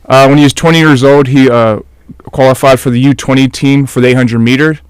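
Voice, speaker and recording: A young man hosting a casual interview podcast, asking relaxed questions full of "uh"s. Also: medium pitch, a little fast, clean tone, no room sound, studio quality. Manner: relaxed, filler-heavy questions. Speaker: podcast host.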